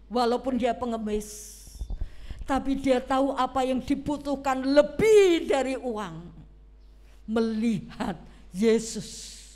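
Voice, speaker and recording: A woman's voice: high-pitched, a little mellow. A woman preaching a Sunday sermon, retelling a story dramatically and putting questions to the congregation.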